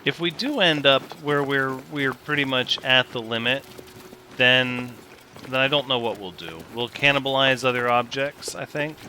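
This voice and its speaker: Bright-voiced man musing over a building game. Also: medium pitch, moderate pace, a little hiss or hum. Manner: thinks aloud, counts, jokes with himself. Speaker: gameplay commentator. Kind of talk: casual gameplay commentary.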